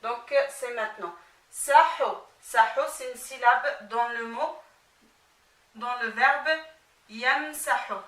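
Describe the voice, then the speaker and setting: A woman teacher with a bright, higher voice speaks slowly and patiently, sounding out letters and vowel marks one by one for a young learner. She is recorded a little away from the mic in a roomy, echoing space. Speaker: Arabic teacher. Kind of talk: slow spelling-out lesson for a child. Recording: echoey room, mic at a distance.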